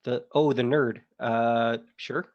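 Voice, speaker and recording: A man's voice: medium pitch, fairly even intonation, slow, dull audio. A man joking brashly while playing a tabletop game in character. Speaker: player. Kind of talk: in-character tabletop role-play.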